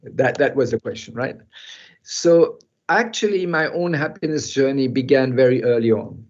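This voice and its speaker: An older guest speaker who grew up in Europe shares his personal story in an online talk, keeping an even middle pitch. He pauses, starts over, and laughs softly while reflecting. The audio sounds muffled and dull, like a video call.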